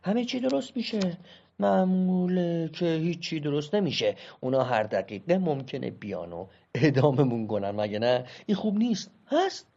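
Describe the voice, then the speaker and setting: A man's voice: sing-song, gravelly, dark tone, exaggerated voice. A man voicing a simple-minded, childlike adult brother who talks in a plaintive, naive way, in an audio drama reading. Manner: naive, plaintive, rises high in pitch. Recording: muffled with music behind.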